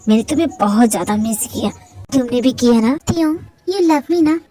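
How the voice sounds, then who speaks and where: A woman's voice: on the high side, lively intonation, normal speed, mellow, soft background music, natural voice. A woman voicing a frightened young wife who tries to flee her husband in a fan-fiction audio drama, defiant and tearful by turns. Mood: sweet. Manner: tearful and defiant, later sweet and yielding.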